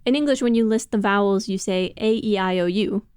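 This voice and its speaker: Smooth-voiced woman podcast co-host. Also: mid-range voice, brisk, darkish tone, no room sound, studio quality. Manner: explanatory, laughs often while talking. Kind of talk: casual podcast discussion.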